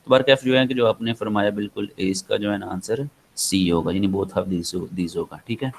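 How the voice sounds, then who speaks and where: Give me a Pakistani man with a low voice teaching an online class, rambling and halting, with a faint hiss behind. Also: steady tone, creaky, poor audio. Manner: rambling, many fillers, switches into English. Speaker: lecturer. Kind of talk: online lecture, casual explaining.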